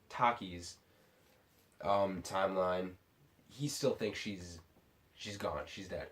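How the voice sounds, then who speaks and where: A tipsy man giving a casual, unscripted movie review in a rambling, halting way, often restarting his sentences. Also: lowish voice. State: tipsy from drinking sake. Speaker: film reviewer.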